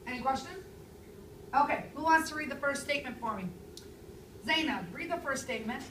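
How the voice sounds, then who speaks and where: A woman in her thirties teaching a classroom language lesson, speaking clearly and stressing key words. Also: high-pitched, brisk, noisy background. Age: 30s. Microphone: far camera. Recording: echoey classroom from far off.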